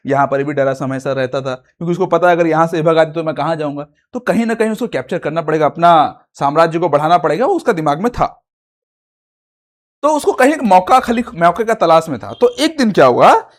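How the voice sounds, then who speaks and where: A young man teaching a history lesson for exam prep, chatty, asking and answering his own questions and repeating "theek hai" often. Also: fairly high pitch.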